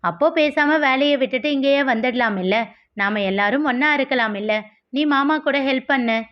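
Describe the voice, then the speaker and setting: Woman doing a bossy teasing big sister, highish, dull audio. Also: normal speed, close to an everyday voice.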